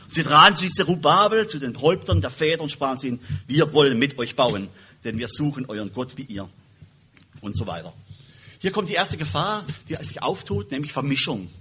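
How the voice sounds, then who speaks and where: A man preaching a sermon and reading Bible verses aloud, stressing words loudly and then dropping quietly, often restarting words. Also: on the high side, expressive, fairly quick, slight background noise. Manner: emphatic, swings between loud stresses and quiet drops; self-correcting, restarts words.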